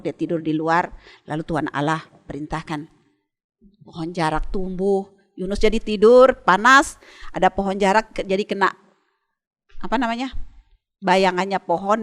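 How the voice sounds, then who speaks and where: A woman Sunday school teacher retelling a bible story for children and asking them questions. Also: fairly low pitch. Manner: lively, asks children questions.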